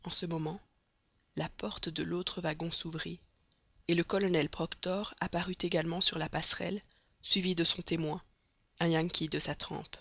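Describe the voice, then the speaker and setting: An audiobook reader narrating a classic novel in a steady, measured way, in a dull, dry recording. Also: mid-range voice, gravelly, breathy edge, no room sound.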